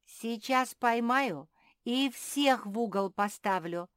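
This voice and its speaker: A woman voicing a fussy, excitable mother hedgehog in a children's storybook reading, with a loud, pleading manner. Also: on the high side, slow pace, clear, resonant tone, no echo, studio quality, pitched above the performer's own voice. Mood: shouting.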